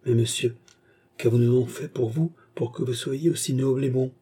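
A man voicing a naive young female flower seller who speaks in a soft, bewildered way in an audiobook novel. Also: mid-range voice, steady tone, moderate pace, husky, lightly acted. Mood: grateful.

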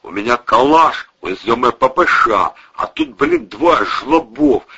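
A man voicing a cocky male gangster sidekick who brags loudly in slang, on a dull lo-fi recording. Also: mid-range voice, huge pitch swings, a little slow, creaky, slightly rough, pitched above the performer's own voice, heavily acted. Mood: bragging. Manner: loud, bragging, slangy.

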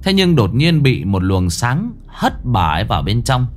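Male ghost-story narrator, mid pitch, very lively intonation. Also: normal speed, background noise. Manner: expressive, suspenseful.

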